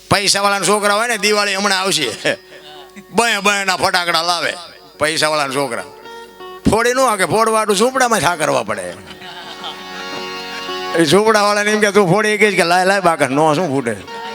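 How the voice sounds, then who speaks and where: A man giving a folk discourse to a live audience, rustic and preachy, swinging between loud outbursts and soft asides. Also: high voice, animated, normal speed, long pauses, soft background music. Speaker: folk storyteller and speaker.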